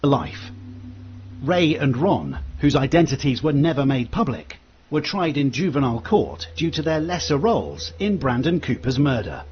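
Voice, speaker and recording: Male true-crime narrator, lively higher pitch, dull lo-fi recording with faint noise. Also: normal speed, slightly rough. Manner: steady, factual. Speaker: documentary narrator.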